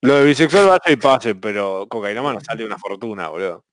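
A man's voice: on the low side, expressive, a little fast, a little hiss or hum. A man with a Rioplatense Spanish accent, a podcast guest joking in casual chat with dry humor.

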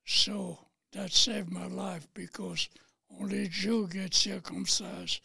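An interview guest in his late nineties, a war veteran from Paris, shares personal memories plainly and haltingly in accented, non-native English, pausing at length between phrases. His delivery is flat and his tone sharp; his high voice is very husky, raspy, thin, and breathy, with heavy fry. The recording is dry and clean, studio quality.

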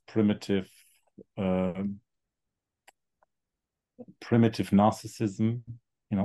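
A man, a psychotherapist speaking reflectively in an interview, with frequent pauses and fillers. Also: on the low side, warm tone. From Germany. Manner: thoughtful, halting, many fillers. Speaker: guest psychotherapist.

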